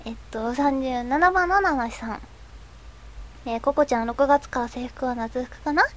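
A woman playing a fifteen-year-old schoolgirl radio host, reading listener comments in a soft, hesitant, giggly way with a stuffy nose from a cold. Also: sits high, normal speed, lightly acted. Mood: shy chatter. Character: shy teenage schoolgirl, fifteen.

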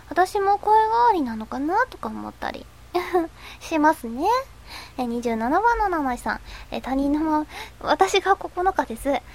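A woman playing a fifteen-year-old schoolgirl radio host, reading listener comments in a soft, hesitant, giggly way with a stuffy nose from a cold. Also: sits high, heavily acted. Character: shy teenage schoolgirl, fifteen.

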